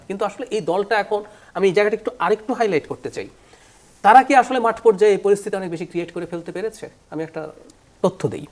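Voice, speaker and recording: A man giving political commentary as a talk show guest, his voice sitting high and swinging widely up and down. He lays out his arguments in an explanatory, animated way and slips English terms into his sentences.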